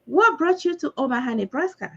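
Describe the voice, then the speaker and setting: A woman hosting an interview show, asking questions in an encouraging, deliberate way. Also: high-pitched, expressive, gravelly, dull audio. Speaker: host. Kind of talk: podcast interview.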